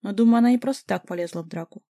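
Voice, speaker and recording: A woman's voice: medium pitch, very fast, warm tone, no echo, clean studio sound, natural voice. Woman voicing a placating young man. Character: calm young man trying to make peace.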